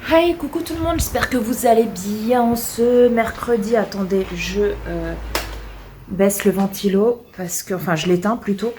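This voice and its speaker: A woman vlogger recording indoors at home, telling a story in a casual, animated and exasperated way, with many fillers and restarts. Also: medium pitch, unhurried, background noise.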